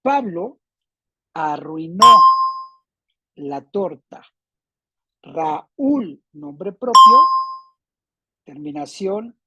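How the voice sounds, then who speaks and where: A woman teaching a class on spelling rules, speaking slowly and deliberately and repeating words with different stresses. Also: on the low side, sharp tone, slightly rough, dry recording.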